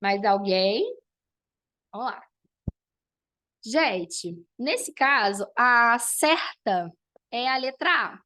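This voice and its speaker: Woman teacher, higher voice. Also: expressive, drawn-out words, pauses often, pushed and bright. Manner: explains step by step, keeps checking in with the class. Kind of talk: online class lecture.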